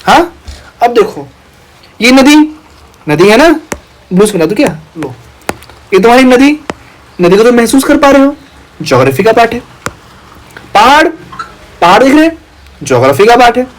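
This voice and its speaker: A man's voice: very high voice, big pitch swings, normal speed, long pauses, a little hiss or hum, low-quality recording. A young man teaching an online exam-prep lecture, talking playfully and teasing his students as their big brother.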